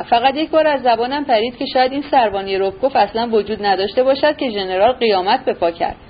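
A woman's voice: a little high, lo-fi sound, natural voice. A woman voicing a sick, spiteful young man who talks sarcastically and insistently.

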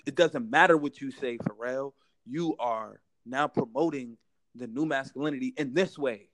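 A man's voice: medium pitch, normal speed, fairly bright tone, no room sound, rough recording. A young American man in a heated casual debate, emphatic and repetitive, full of slang and constantly saying bro.

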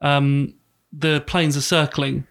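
A man co-hosting a podcast, talking casually with many pauses and ums. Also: fairly high pitch, little pitch movement, a bit bright. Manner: hesitant, halting, lots of ums. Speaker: podcast co-host. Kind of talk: casual chat.

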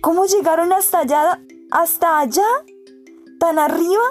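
A woman voicing an eager, excitable young boy in a storybook reading, exclaiming as he speaks. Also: sits high, unhurried, soft background music, pitched above the performer's own voice. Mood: excited.

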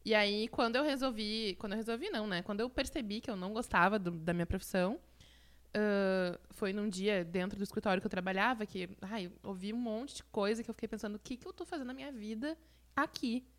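A woman's voice: medium pitch, brisk. A woman in her thirties with a southern Brazilian gaúcho accent, a guest telling her story in a casual chat. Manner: animated storytelling, acts out voices in her story. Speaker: guest, influencer.

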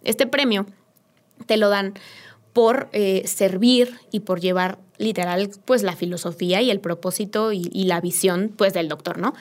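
A woman with a Mexican accent talks as a podcast guest. She tells her story with animated, emotional energy and a mid-range voice. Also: medium pitch, a little slow. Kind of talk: casual interview storytelling.

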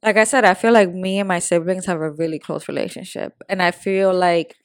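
A woman's voice: fairly low pitch, fairly even intonation, a little fast, smooth, no room sound, clean studio sound. A young woman from Puerto Rico and the Dominican Republic co-hosting a podcast, talking in a casual, candid and slangy way. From born in Puerto Rico, raised in the Dominican Republic. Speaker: podcast co-host. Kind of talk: casual chat.

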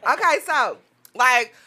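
Loud teasing woman with a bright voice. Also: high voice, lively intonation, slow pace. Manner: loud, teasing, laughs often, curses freely. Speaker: podcast co-host. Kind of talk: casual raunchy podcast chat.

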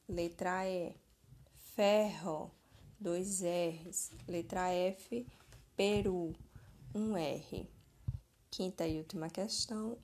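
Slow, husky woman teacher. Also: on the low side, mellow. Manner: slow, deliberate, spelling words out for young children. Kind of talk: slow classroom answer-key reading.

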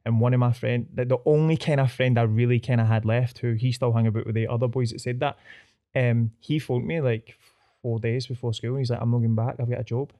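A man's voice: mid-range voice, steady tone, a little fast, warm tone. A man with a Glasgow street accent chatting casually as a podcast guest, telling personal stories in slangy, sweary speech peppered with "mate". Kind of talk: casual chat, personal anecdotes.

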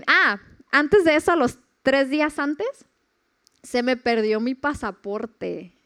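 Young Mexican woman, high and clear voice, lively casual testimony that slips into quoted voices. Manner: animated, acts out quoted voices, laughs often. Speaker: speaker sharing a personal testimony. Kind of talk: casual faith testimony storytelling.

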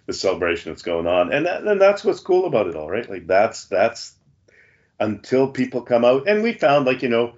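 A man's voice: mid-range voice, very animated, normal speed. A man hosting a podcast, chatting casually with lots of restarts and fillers. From Canada. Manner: rambling, many restarts and fillers. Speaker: podcast host. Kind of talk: casual chat. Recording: dull lo-fi sound.

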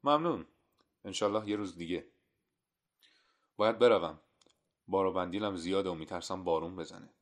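A man's voice: low voice, long pauses. A man putting on a flustered forgetful clerk. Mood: polite, worried. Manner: agitated, pleading and self-scolding. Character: flustered middle-aged male clerk, forgetful. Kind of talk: audio story reading.

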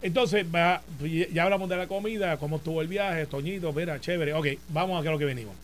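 A Puerto Rican man co-hosting a political talk show, telling a long story in a lively, animated way. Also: fairly high pitch, a little hiss or hum. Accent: Puerto Rican Spanish. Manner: animated storyteller, fast and talkative. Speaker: senator and show co-host. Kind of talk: casual political debate.

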